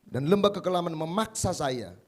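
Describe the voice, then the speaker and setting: A man's voice: animated, normal speed. Emphatic male pastor preaching. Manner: emphatic, swinging from loud high exclamations to quiet confiding talk. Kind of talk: sermon. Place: church service.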